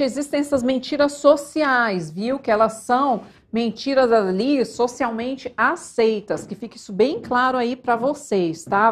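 A Brazilian woman psychologist hosting a live online talk, chatty and animated, often checking in with her viewers. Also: fairly high pitch. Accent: Brazilian Portuguese. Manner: chatty, addresses viewers as "gente", frequent "tá?" tags; animated, gives stage directions to the crew mid-talk.

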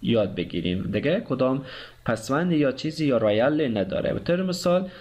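A man with an Afghan Dari accent teaching German grammar, pausing often with fillers and reading verb conjugations slowly. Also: medium pitch, very animated, darkish tone. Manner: hesitant, many filler sounds, slow careful German conjugations. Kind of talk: explaining grammar, conjugating verbs aloud.

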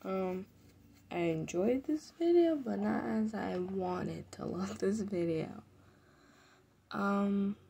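Brief: sleepy woman commentating a game, gravelly and unhurried, low energy, mumbles and whispers. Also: animated. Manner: soft, mumbled, drifts into whispers. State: just woke up, low energy. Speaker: gaming video creator. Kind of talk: casual gameplay commentary.

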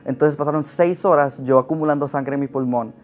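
A man's voice: mid-range voice, a little fast. Earnest young man giving a testimony. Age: young adult. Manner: earnest, emotional storytelling, often rising in loudness. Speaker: testimony speaker. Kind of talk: personal testimony and prayer.

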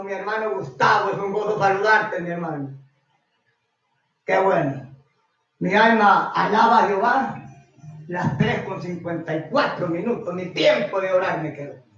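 A Honduran man preaching a fiery radio sermon, shouting and scolding, greeting callers between rants. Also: sits high. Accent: Honduran Spanish. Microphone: radio studio microphone. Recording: echoey lo-fi radio broadcast from far off.

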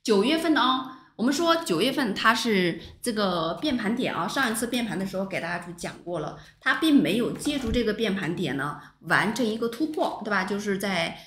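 A woman teaching a stock market lesson over chart screens, talking with lively rhetorical questions to her viewers. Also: medium pitch, brisk, few pauses, a little hiss or hum. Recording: roomy echo.

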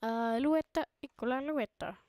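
A woman's voice: high voice, normal speed, a little mellow, no room sound. A woman giving playful, jokey let's-play commentary, mock-dramatic and often dropping into a whisper. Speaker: gamer.

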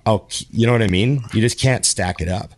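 A man in his forties talks casually as a podcast co-host, rambling and restarting his sentences. His voice sits very low. The sound is dry and close, with no room around it. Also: brisk, dry recording. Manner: rambling, heavy on fillers and restarts. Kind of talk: casual chat. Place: home studio with video call. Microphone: headphones and desk microphone.

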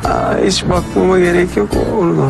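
An actor playing a young man in a film comedy who talks fast and gets flustered when pushed. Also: high voice, flat delivery, creaky. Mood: joking. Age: young adult. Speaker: film lead. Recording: film soundtrack with loud music and crowd.

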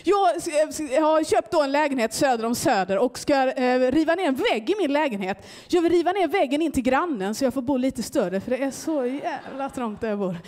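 A woman's voice: sits high, few pauses. A woman performing a stand-up comedy set in a club, telling stories and acting out short exchanges. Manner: animated storytelling, acting out short dialogues. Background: audience laughter.

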